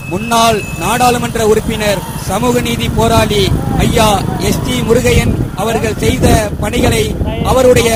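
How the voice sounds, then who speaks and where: Man, campaign announcer, very high voice, flat monotone, formal declaiming, loud background noise. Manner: formal, declamatory appeal to voters.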